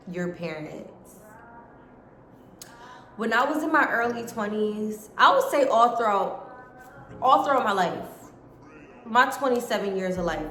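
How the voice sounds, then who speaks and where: An American vlogger in her late twenties talks casually to camera, offering earnest life advice and calling her viewers "guys." Her voice is medium-pitched and fairly bright, heard in an echoey room with a little hiss or hum.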